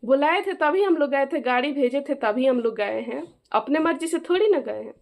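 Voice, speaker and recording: A woman's voice: high-pitched, expressive, moderate pace, gravelly. A middle-aged woman with an eastern Hindi accent from Jharkhand, talking heatedly in a family vlog and insisting others back her up. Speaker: vlogger and mother of the bride.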